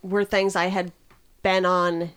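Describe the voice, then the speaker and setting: A woman's voice: on the low side, level tone, takes it slowly, fairly bright tone, clear, resonant tone. Woman chatting naturally as podcast host. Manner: laughs readily, self-deprecating, informal. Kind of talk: natural unscripted casual chat.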